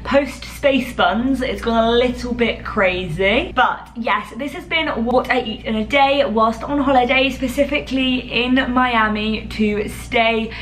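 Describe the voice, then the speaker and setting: A woman's voice: fairly high pitch, a little slow, few pauses, a bit bright. A young woman chatting casually to camera in a vlog, self-deprecating and friendly. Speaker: vlogger. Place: small bathroom at night.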